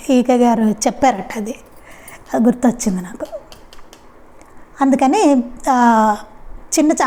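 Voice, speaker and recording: A woman's voice: high voice, a little mellow. A woman giving a devotional satsang talk in a conversational storytelling way, with frequent rhetorical questions. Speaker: spiritual speaker.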